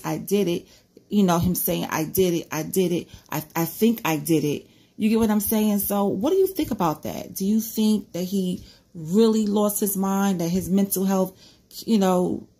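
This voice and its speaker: A woman's voice: medium pitch, mellow, breathy edge. A woman commentating on a true crime case. She reads from a news report, then talks casually to her viewers, asking them questions and often saying "you know.". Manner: conversational, poses questions to viewers, many "you know" fillers.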